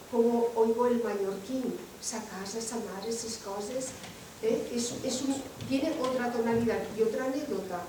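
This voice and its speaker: A woman speaking at a seminar with a teacherly, expressive delivery, pausing with filler sounds. Her voice is on the high side and sounds far from the microphone, in a hall with heavy echo. Clear background noise accompanies her. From Aragón. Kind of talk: explanatory discussion at a seminar. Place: seminar room. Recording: echoey hall, voice picked up from afar.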